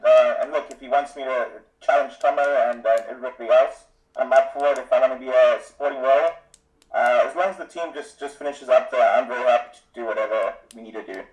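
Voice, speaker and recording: A South African-accented man gives casual, agreeable interview answers. His voice is of average pitch, with noticeable room echo on a remote voice chat. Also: a little mellow. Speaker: esports racing driver being interviewed. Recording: roomy, echoey remote voice chat.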